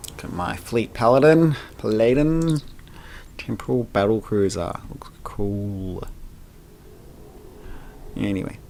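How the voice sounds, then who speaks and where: A man giving relaxed commentary while playing a video game, sometimes reading the dialogue aloud. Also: on the low side, takes it slowly, vocal fry, long pauses, a little hiss or hum. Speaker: let's play gamer. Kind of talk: casual gameplay commentary.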